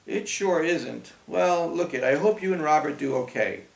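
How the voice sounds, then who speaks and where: Man putting on a croaky, whiny little girl. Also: a little high, lively intonation, normal speed, pitched above the performer's own voice. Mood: hoarse. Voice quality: croaky, cracking. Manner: whiny and demanding. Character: sick, bossy little girl with a cracking voice. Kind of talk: audiobook reading. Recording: roomy echo.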